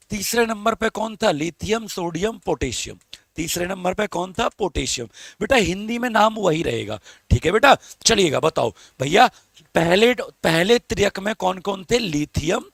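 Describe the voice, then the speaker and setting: High, gravelly male teacher coaxing students. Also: fairly bright tone, no echo, clean studio sound. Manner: coaxing, calls students beta and babu, asks for comments. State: strained throat, talking softly. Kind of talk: live online exam-prep lesson.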